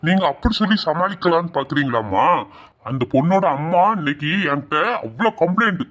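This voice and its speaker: A man's voice: fairly high pitch, animated, a little fast, fairly bright tone. A man playing an angry young adult son who accuses his mother in a family drama skit. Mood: accusing. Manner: accusing, indignant.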